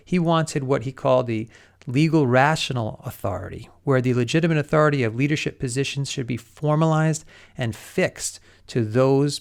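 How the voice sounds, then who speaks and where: A man teaching a recorded lesson in a relaxed, conversational way, turning to the listener with everyday examples. His voice is gravelly at the edges yet smooth and resonant. He sits at a middle pitch. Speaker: college lecturer. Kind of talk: recorded explanatory lecture.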